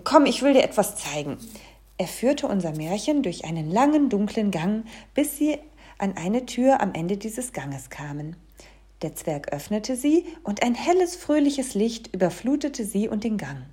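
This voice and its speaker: A woman reading a children's storybook aloud in an expressive way, moving between soft and lively delivery. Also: mid-range voice, unhurried, breathy edge.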